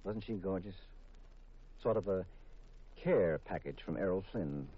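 Husky-voiced detective hero. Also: male voice, low voice, animated, measured pace, heavily acted. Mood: suave, teasing. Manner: coaxing and urgent, then suave and flirtatious. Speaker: detective lead. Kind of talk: 1940s radio drama acting. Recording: muffled old radio recording.

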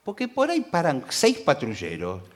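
Mock-serious radio sidekick. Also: male voice, a little high, wildly swooping pitch, normal speed. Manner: mock-authoritative, explains with straight-faced absurdity. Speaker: radio comedy co-host. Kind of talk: comic radio banter.

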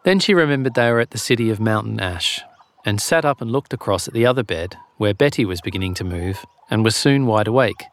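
A man narrating a children's storybook in a gentle, expressive way. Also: on the low side, fairly quick.

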